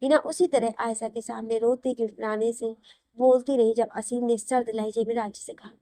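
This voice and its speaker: A woman's voice: a little high, steady tone, normal speed, warm tone, no room sound, clean studio sound. A woman narrating a romantic audio story with dramatic storytelling.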